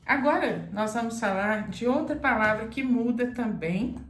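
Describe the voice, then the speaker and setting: A woman's voice: on the high side, animated, moderate pace. A woman Portuguese teacher giving a careful, explanatory grammar lesson straight to the viewer. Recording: echoey room.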